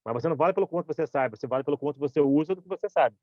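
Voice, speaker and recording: Lively Brazilian man giving a talk. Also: on the high side, very fast, no room sound, muffled recording. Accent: Brazilian Portuguese. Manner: lively, acts out example dialogues. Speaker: speaker at a conference. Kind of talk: motivational public talk. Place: conference hall.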